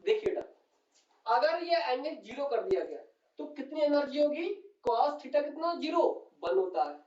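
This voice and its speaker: A male physics teacher explaining on a whiteboard, who keeps calling his students "beta" and asks and answers his own questions. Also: very high voice. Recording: distant, roomy and dull classroom recording.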